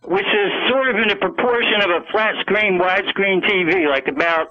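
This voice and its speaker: A man with a notably high voice comes through a muffled, dull phone line as a radio show caller. He talks in long, insistent stretches and keeps pushing ahead when cut off. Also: normal speed. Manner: long-winded, insistent, talks over the host. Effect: phone line call-in audio. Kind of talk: rambling call-in monologue.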